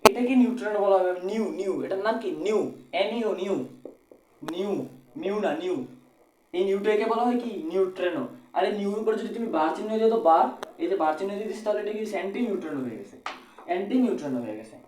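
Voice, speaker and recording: A man's voice: sits high, quick pace, darkish tone, reverberant, slight background noise, rough recording. A man with a colloquial Bangladeshi Bengali accent teaching an exam-prep physics lesson, repeating phrases and asking and answering his own questions. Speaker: physics tutor.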